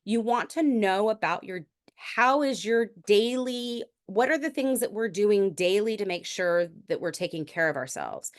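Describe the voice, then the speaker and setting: A woman's voice: mid-range voice, lively intonation, unhurried, hardly any pauses. Woman doctor giving a friendly lecture. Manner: explanatory, conversational, with restarts. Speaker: physician lecturer. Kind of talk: recorded medical lecture.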